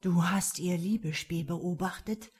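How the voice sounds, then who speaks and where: A woman reading the lines of a domineering, commanding man in a hard, taunting tone, with a slightly lowered voice. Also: measured pace, darkish tone, slightly rough.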